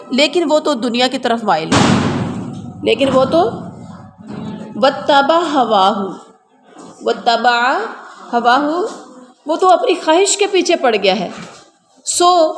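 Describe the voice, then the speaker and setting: A woman Quran teacher speaks in a fairly high voice, explaining each word, repeating terms and asking her listeners questions. Her voice carries a long reverb, with faint ambient noise underneath. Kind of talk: word-by-word translation lesson to a class.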